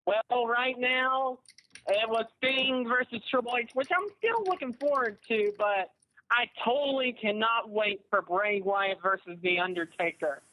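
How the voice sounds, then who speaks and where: A man in his twenties calling in to a live podcast, talking eagerly with halting restarts over a phone line. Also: very high-pitched, sharp tone. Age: 20s. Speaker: caller.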